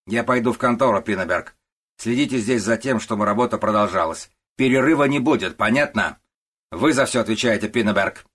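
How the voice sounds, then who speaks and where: Brief: shouting, scolding male boss, pitched up and loud, read by a male narrator. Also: fairly quick. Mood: angry, bossy. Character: shouting, bullying middle-aged male warehouse boss.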